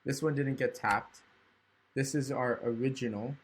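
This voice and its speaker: A man's voice: medium pitch, fairly even intonation, measured pace, slight background noise. A man casually walking through trading charts on screen, thinking aloud and often checking in with "right?". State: hiccups. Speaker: trading educator. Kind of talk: screen-recorded chart walkthrough.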